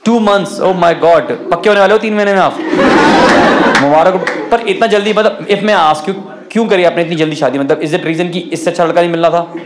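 A man's voice: high-pitched, a little fast. A man doing stand-up crowd work, teasing the audience at a live comedy club show.

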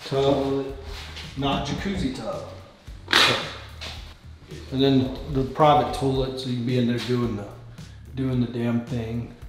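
A real estate vlogger walks through an unfinished house under construction, inside and out, offering blunt opinions and crude jokes in casual commentary. His mid-range voice barely moves in pitch, coming slowly with long pauses. The audio has heavy reverb and music in the background.

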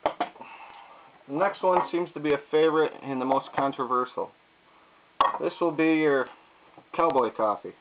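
A YouTube vlogger sits at an indoor table casually demonstrating camping coffee methods, speaking plainly and unhurriedly with frequent "uh" and "um" pauses. His voice is a little high. The audio is tinny and lo-fi with a faint hiss.

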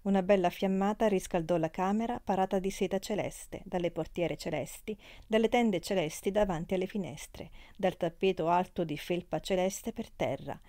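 Mellow woman reading a novel. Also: on the low side, no room sound. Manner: measured, expressive reading. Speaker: audiobook reader. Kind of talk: scripted narration of a novel.

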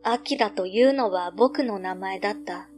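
A woman reading a scripted ghost story as narrator, measured and suspenseful, pausing between short phrases. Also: medium pitch, a little mellow, faint music behind.

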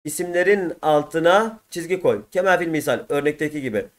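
Male teacher, Turkish accent, slightly high voice, patient textbook walkthrough that repeats words for learners. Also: animated, a little fast. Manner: explains patiently, repeats each word twice, addresses viewers as friends. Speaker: Arabic teacher. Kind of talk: textbook answer walkthrough lesson.

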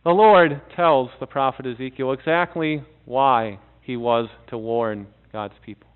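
A middle-aged male pastor preaching a sermon in a church, earnest, with dramatic pauses and soft drops. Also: medium pitch, smooth. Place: church sanctuary before a seated congregation. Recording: tinny phone-like audio.

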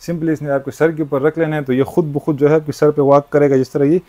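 A man, a shopkeeper demonstrating gadgets in a market shop. He talks in a brisk salesman's patter and keeps using polite forms of address. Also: fairly high pitch, flat delivery, dark tone. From Pakistan. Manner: brisk salesman patter, frequent "thik hai" and "janab-e-wala". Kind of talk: product demonstration sales pitch.

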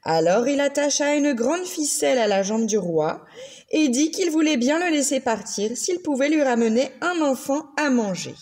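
A woman reading a children's picture book aloud, slow and very expressive. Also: sits high. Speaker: children's story reader.

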